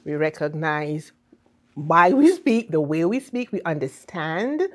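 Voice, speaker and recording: Female interviewee, St Vincent accent, fairly low voice, teacherly and emphatic, checks the listener is following. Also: big pitch swings, unhurried. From Saint Vincent and the Grenadines. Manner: teacherly, emphatic, often checks with "okay?" and "right?". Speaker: ambassador being interviewed. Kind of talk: explanatory interview answers.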